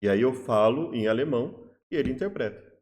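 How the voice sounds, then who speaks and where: A man's voice: mid-range voice, lively intonation, fairly quick, a little mellow. A man giving an unscripted Bible study. He has a Brazilian Portuguese accent and explains patiently with worked examples. He often restarts his phrases and tags them with a questioning "né?". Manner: hesitant, many restarts and "né?" tags. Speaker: Bible teacher.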